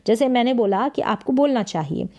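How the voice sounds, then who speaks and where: Woman teaching grammar, slow careful examples. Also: on the high side, expressive, darkish tone, lo-fi sound. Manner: slow, spelled-out English example sentences; repeats key phrases for emphasis. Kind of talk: explaining grammar to learners.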